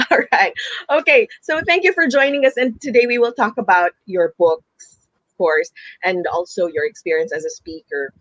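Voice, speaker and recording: A man's voice: high voice, normal speed, fairly bright tone, dry recording, lo-fi sound. A man in his late forties hosting an interview, chatty and upbeat. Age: late 40s. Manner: chatty, upbeat, laughs often. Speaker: host. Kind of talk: interview talk show.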